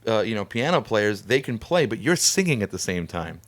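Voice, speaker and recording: A man hosting a casual studio conversation, talkative and animated, laughing often. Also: lowish voice, a little fast. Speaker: podcast host. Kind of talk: casual chat.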